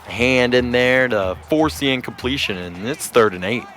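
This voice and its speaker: A man giving play-by-play commentary on a video game football stream, measured and steady, rising to shouts on big plays. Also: mid-range voice, a little hiss or hum. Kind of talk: sports commentary.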